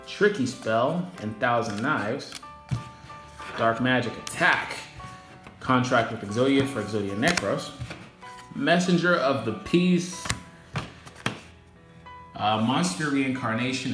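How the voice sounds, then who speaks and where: Man with an echoey room sound. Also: mid-range voice. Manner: casual, rattles off lists of names, apologetic asides. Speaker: YouTuber unboxing trading cards. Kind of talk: casual unboxing vlog. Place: indoor home room with echo. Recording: echoey room with music behind.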